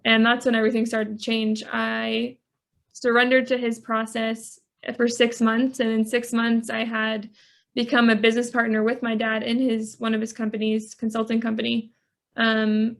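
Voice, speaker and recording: A woman's voice: on the high side, monotone, moderate pace, vocal fry, fairly bright tone. A woman life coach on a podcast, telling her story earnestly with lots of "like" fillers. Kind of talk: podcast interview.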